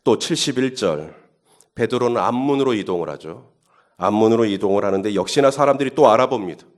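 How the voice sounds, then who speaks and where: This is a man on the low side of the pitch range, expressive and a little fast, preaching a Holy Week sermon at an early-morning service. He chats conversationally, then presses into emphatic questions.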